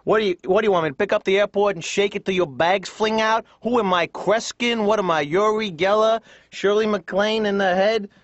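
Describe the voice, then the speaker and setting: An actor playing a cartoon therapy patient, ranting in an exasperated stand-up style, recorded dull and dry. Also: male voice, on the high side, fast, no room sound, close to an everyday voice. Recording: dull dry lo-fi studio track.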